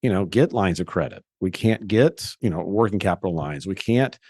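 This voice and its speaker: A man with a fairly low voice answers as a guest in a conversational interview. He explains in a measured way, often restarting his sentences. The recording is close and dry. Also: expressive, a little mellow, slightly rough, no room sound. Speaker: guest, investor.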